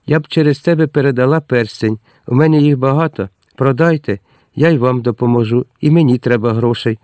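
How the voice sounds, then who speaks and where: A man voicing a sad, sheltered young woman in a storybook reading, soft and hesitant. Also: medium pitch, a little fast, dry recording, close to an everyday voice. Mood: hushed.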